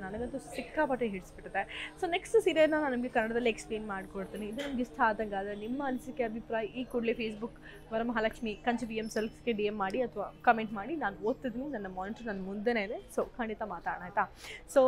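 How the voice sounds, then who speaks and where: A young woman with a South Indian accent presenting sales items in a showroom, enthusiastic and gushing. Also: fairly high pitch. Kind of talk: live sales presentation, switching between languages. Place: saree showroom, indoors.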